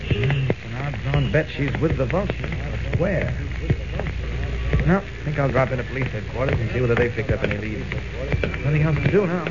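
A man plays a mild young reporter in 1940s radio drama. His delivery swings animatedly in pitch, courteous and musing. The recording is muffled and noisy. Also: moderate pace, natural voice. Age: young adult. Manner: animated, thinking aloud. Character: polite, meek young male reporter, musing sleuth. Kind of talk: 1940s radio serial acting.

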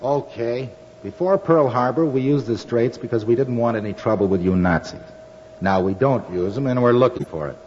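A man's voice: medium pitch, normal speed, a little mellow, slight background noise, natural voice. A man playing a defiant, plain-spoken American merchant seaman in a 1940s radio drama style, with a stubborn streetwise manner. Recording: muffled old radio recording with hall reverb.

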